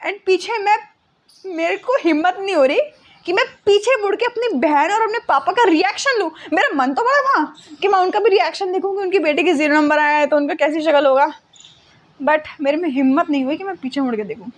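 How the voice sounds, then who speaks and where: A woman's voice: very high-pitched, animated, a little fast. A young woman telling a funny personal story in a casual, self-mocking way, mixing English words into her talk. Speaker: content creator.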